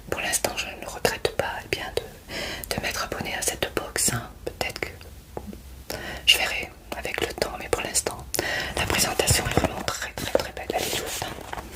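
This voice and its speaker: A woman whispering a gentle unboxing in whispered role-play, halting with many fillers as she gushes over a gift box. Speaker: ASMR creator.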